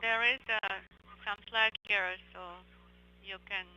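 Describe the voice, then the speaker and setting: A woman live-interpreting spacewalk radio calls like a sci-fi communicator, in halting, formal, literal phrases. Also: medium pitch, steady tone, sharp tone, dull audio. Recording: radio feed with faint hum.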